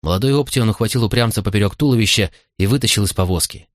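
Deep-voiced male audiobook narrator. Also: quick pace, no echo, studio quality. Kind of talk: scripted novel narration.

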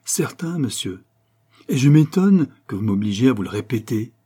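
A man voicing a gruff, angry rich American passenger who grumbles curtly, raised and forceful. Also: medium pitch, normal speed, lightly acted. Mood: indignant. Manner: grumbling, curt.

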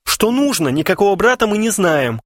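A man's voice: a little high, sing-song, normal speed, fairly bright tone, slightly rough, no echo, clean studio sound, pitched above the performer's own voice, full character voice. A man voicing a frightened, tearful middle-aged man who stammers and squeals in panic, in an audiobook. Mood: panicky. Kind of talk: audiobook character voice.

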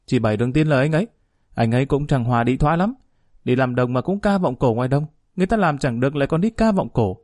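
A man voicing a sharp-tongued young village wife who scolds and complains quickly. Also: mid-range voice, animated, no echo, clean studio sound, close to an everyday voice. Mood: scolding.

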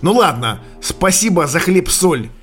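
A man reading an audiobook and voicing a weary young fugitive who speaks in a quiet, subdued way. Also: big pitch swings, a little slow, slightly rough, faint music behind, heavily acted. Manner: quiet, subdued, low-keyed.

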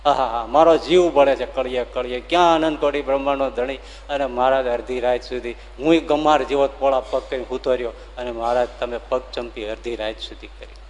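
A man's voice: mid-range voice, fairly even intonation, a little fast, few pauses, a little hiss or hum, close to an everyday voice. A man voicing a devotee who pleads and reproaches himself for his fault, told during a sermon. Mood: remorseful pleading. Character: remorseful devotee man begging forgiveness. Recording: long hall reverb.

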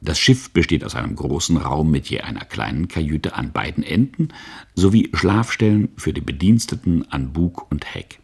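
A man reading a literary memoir aloud as scripted narration, with measured delivery. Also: extremely low pitch, animated, vocal fry, a little mellow, husky.

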